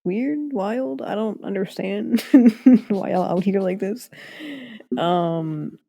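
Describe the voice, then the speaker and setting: Slow, gravelly woman hosting a podcast. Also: medium pitch, warm tone. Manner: giggly, laid-back. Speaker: podcast host. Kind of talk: casual podcast chat.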